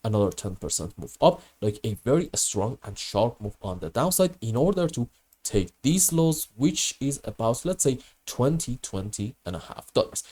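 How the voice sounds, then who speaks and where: A man's medium-pitched, dark-toned voice comes out grating because of a bad cold, though he sounds very animated at a normal speed. He emphatically explains chart analysis during a live lesson.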